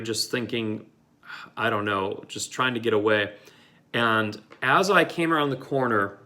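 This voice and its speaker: A man's voice: mid-range voice, bright, forceful tone. A man from Michigan telling a personal story casually, rambling with lots of fillers and restarts. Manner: rambling, many fillers and restarts, with acted-out quotes.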